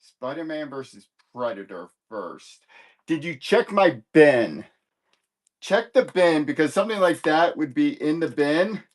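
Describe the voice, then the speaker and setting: Laid-back man with a slightly high voice. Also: animated, unhurried. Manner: rambling and easygoing, self-correcting with light jokes. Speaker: live-stream comic book seller. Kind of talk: casual live sales stream chat.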